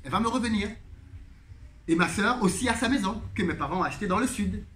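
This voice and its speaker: A man's voice: high voice, animated, fast, fairly bright tone, slight background noise. A man host telling a story in a monologue, animatedly retelling a conversation with emphatic repetition.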